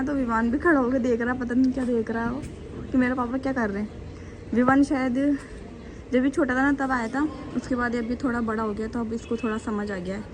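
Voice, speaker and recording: Chatty vlogger woman, slightly high voice. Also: noisy background. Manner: chatty, mixes English words into Hindi. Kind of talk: casual vlog chat.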